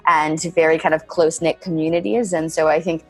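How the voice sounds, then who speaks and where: Low, flat-voiced woman in her thirties. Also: faint music behind. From born in Bulgaria, raised in California. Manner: measured, often says "kind of". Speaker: MBA graduate interviewee. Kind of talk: reflective interview answers.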